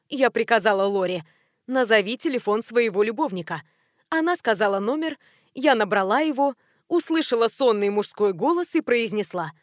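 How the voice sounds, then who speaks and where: A woman's voice: medium pitch, no echo, studio quality, lightly acted. A woman reading as Arina, an unbothered gangster's wife. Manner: flat, matter-of-fact, childlike replies. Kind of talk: audiobook character reading.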